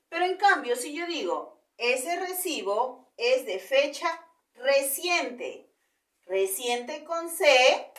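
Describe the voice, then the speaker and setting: A woman's voice: sits high, fairly bright tone, roomy sound, recorded from a distance. A woman teaching a primary school language lesson in Peruvian Spanish, explaining step by step and checking in with rhetorical questions.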